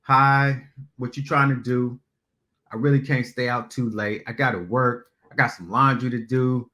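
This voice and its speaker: A man's voice: medium pitch, steady tone, normal speed, pushed and bright, lightly acted. A man voicing an annoyed young woman stuck on a bad date, blunt and slangy. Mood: making excuses.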